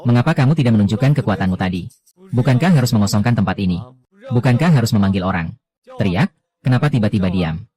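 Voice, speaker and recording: A man's voice: fairly low pitch, expressive, fast talker, dark tone, close to an everyday voice. A man voicing a young courier who is secretly a rich owner, cool and mocking, in a dubbed drama.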